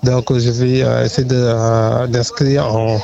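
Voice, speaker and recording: A man's voice: medium pitch, level tone, takes it slowly, vocal fry, mellow. A young man giving a spontaneous, hesitant interview answer. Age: young adult. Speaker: interviewee, former literature student. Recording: dull, slightly lo-fi sound.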